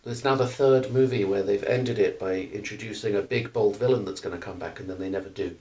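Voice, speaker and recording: A man's voice: lowish voice, brisk, darkish tone, distant mic. A man co-hosting a casual podcast, opinionated and laughing often as he chats. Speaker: podcast co-host. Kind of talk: casual chat.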